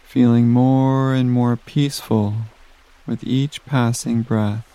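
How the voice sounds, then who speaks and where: A man guiding a sleep meditation in a soft, soothing voice with long pauses, recorded close on the mic. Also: medium pitch, little pitch movement, clean tone. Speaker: meditation guide.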